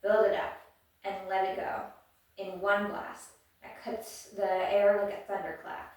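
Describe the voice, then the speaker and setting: A woman's voice: mid-range voice, little pitch movement, a little slow, darkish tone, lightly acted. A breathless woman voicing an injured young male swordsman in a determined inner monologue. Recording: very echoey room, mic far off.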